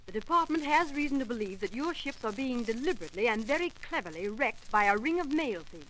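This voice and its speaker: An actress playing a cool, firm government investigator in a 1930s radio drama, formal and precise. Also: female voice, on the high side, lively intonation, fast, fairly bright tone, low-quality recording. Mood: matter-of-fact. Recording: old 1930s radio recording, faint noise.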